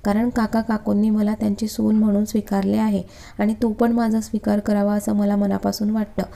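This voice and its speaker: A scheming, haughty young woman from a storybook love story, voiced by a woman narrator. She talks in a sharp, scornful way. The tone is dark and mellow, and the delivery is flat. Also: mid-range voice, a little fast, gravelly, lightly acted. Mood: pleading, spiteful. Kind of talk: storybook reading.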